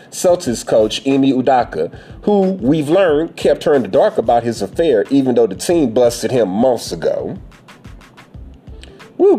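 A man's voice: medium pitch, dark tone, husky. A man giving blunt, profane casual commentary and lecturing his listeners.

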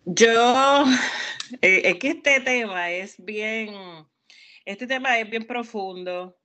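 A woman's voice: on the high side, drawn-out words, bright, forceful tone. A Puerto Rican woman co-hosting a podcast, speaking earnestly and giving direct, emphatic advice. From Puerto Rico. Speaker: podcast co-host. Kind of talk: casual chat.

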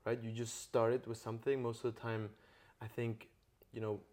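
A man's voice: medium pitch, little pitch movement, moderate pace, a little mellow. A man hosting a podcast interview, explaining ideas earnestly and checking in with frequent tag questions. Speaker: podcast host. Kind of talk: interview conversation.

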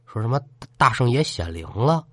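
A man's voice: mid-range voice, very animated, moderate pace, sharp tone, breathy edge, no echo, heavily acted. A man doing a brash, mocking young man. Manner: defiant, taunting.

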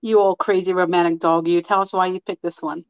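A woman's voice: on the low side, steady tone, fairly quick, smooth, highs cut off. A woman hosting a radio show, chatting casually and playfully with a guest, often breaking into giggles.

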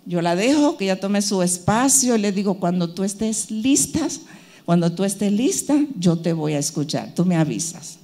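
A woman's voice: medium pitch, expressive, moderate pace, mellow. Woman preaching an emphatic sermon. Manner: emphatic, repeats phrases, acts out quoted voices.

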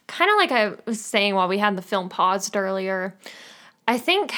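Slow-talking woman discussing a film. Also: medium pitch, a bit bright. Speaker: podcast co-host.

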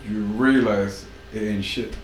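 A young man chatting in a group discussion, halting as he thinks aloud. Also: lowish voice, fairly even intonation, faint music behind. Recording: echoey room with clear background noise.

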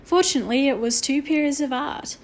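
A woman narrating a children's book in a steady, expressive storytelling manner. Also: sits high, brisk. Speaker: audiobook narrator.

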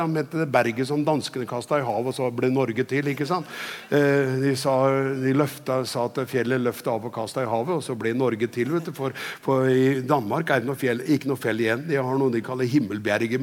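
An older man, a pastor, preaching a sermon in a chatty, joking storytelling way. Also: fairly high pitch. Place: church hall. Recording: long church hall reverb.

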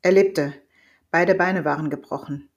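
Storybook role: a proud, hot-blooded hunter father, read by a woman, earnest and determined, lowish voice. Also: measured pace. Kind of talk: audiobook reading.

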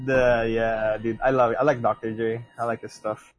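A man's voice: mid-range voice, flat delivery, normal speed, dull audio. A young man co-hosting a casual podcast, rambling with lots of restarts and swearing. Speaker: podcast co-host. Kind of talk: casual chat.

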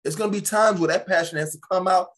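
A man's voice: high-pitched, fast, fairly bright tone. A man in a casual podcast conversation, speaking animatedly, often restarting and repeating phrases as he gives advice.

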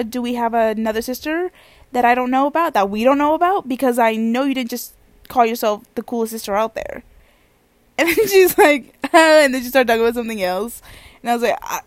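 Young woman, podcast host, chatty and giggly, stuffy nose, bright higher voice, dry close sound. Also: fairly even intonation, brisk, no room sound. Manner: chatty, giggly, rambling storyteller. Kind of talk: casual solo podcast storytelling.

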